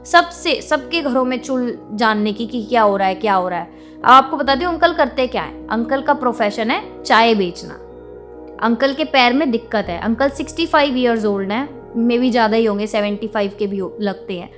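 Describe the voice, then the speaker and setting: Young woman vlogger, higher voice, outspoken and indignant rant, faint music underneath. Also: expressive, normal speed. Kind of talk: venting monologue to camera.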